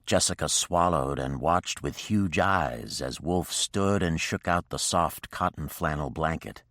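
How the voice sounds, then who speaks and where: A man narrating a historical romance audiobook in a steady, even storytelling manner. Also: a bass voice, a little slow, no echo, studio quality.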